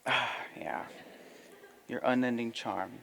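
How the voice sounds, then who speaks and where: An actor playing a vain, pompous young gentleman who is sure of his own worth, in a comic audio drama. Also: mid-range voice, steady tone, slow pace, vocal fry, big-room sound, full character voice. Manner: pompous, self-satisfied, theatrical.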